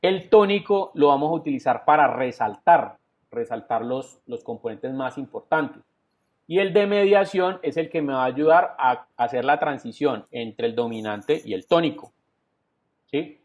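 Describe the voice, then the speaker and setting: Man, Colombian Spanish accent, online lecture, middle pitch, dull lo-fi sound. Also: expressive, normal speed. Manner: explanatory, frequent "entonces" and checks like "¿sí?". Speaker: teacher. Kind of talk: virtual class lecture. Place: home or office, video call. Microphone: computer mic on video call. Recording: dull lo-fi online class audio.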